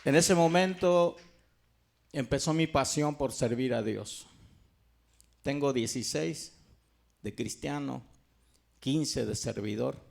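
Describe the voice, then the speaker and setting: A middle-aged man, earnestly giving a personal church testimony with fervent pauses and restarts. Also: mid-range voice, creaky.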